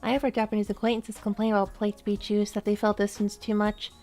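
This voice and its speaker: A woman's voice: medium pitch, flat delivery, fast talker, dark tone. Woman, game streamer, casual rambling chat, faint music behind. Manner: chatty, rambling, many "like" fillers. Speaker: VTuber streamer.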